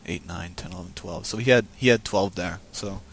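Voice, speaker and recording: Man, casual card game commentary, lowish voice, thinking aloud, faint hiss behind. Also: fairly quick. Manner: chatty, thinking aloud with restarts.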